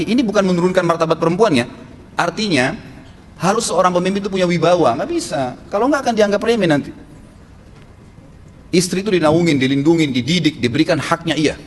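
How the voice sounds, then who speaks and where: A man preaching a sermon with blunt, emphatic advice. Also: high-pitched. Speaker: Islamic preacher. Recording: long echo in a hall, faint noise.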